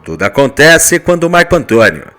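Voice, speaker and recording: A man's voice: medium pitch, sing-song, moderate pace, sharp tone, soft background music. Dramatic male recap narrator. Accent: Brazilian Portuguese. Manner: dramatic, teasing storyteller. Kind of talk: scripted narration.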